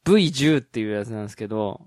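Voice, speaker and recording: A man co-hosting a relaxed chat podcast, talking in a laid-back way with lots of short agreeing replies. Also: lowish voice, racing, dry recording, studio quality. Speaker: podcast co-host.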